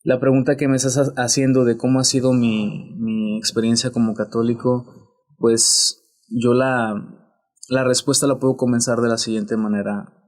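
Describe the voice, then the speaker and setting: A Mexican man, a priest, talking about his life in a podcast interview in a reflective, unhurried way, often restarting his sentences. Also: medium pitch, little pitch movement, a little mellow.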